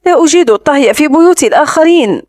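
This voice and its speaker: A woman's voice: sits high, lively intonation, rapid-fire, a little mellow, no room sound. A woman voicing a proud, anxious young bride-to-be who speaks in a defensive, pleading way, read as audiobook dialogue. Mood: guarded.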